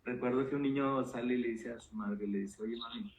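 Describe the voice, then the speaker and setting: A man, a neuropsychologist guest calmly explaining ideas with frequent fillers. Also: medium pitch, fairly quick. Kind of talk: explanatory interview talk. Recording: roomy echo with faint noise.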